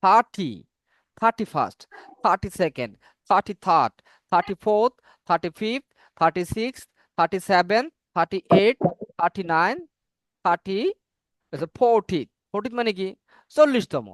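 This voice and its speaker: A man teaching a spoken English class, repeating each number slowly so learners can say it after him. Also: high voice, lively intonation, no room sound.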